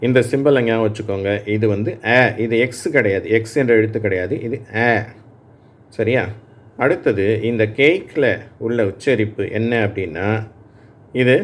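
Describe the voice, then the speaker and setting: A man teaching English phonics in Tamil, saying words aloud for learners to repeat and often checking that they follow. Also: lowish voice. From Tamil Nadu, India. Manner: explains slowly, checking in with "சரியா?". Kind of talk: Tamil-language phonics lesson.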